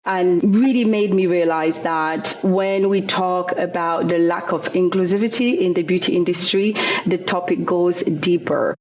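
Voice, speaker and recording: A woman's voice: on the low side, steady tone, unhurried, hardly any pauses, highs cut off. A woman in her thirties from France with a French accent, a guest telling her story in a thoughtful way, with frequent fillers and repeated words. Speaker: guest, skincare founder. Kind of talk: conversational interview.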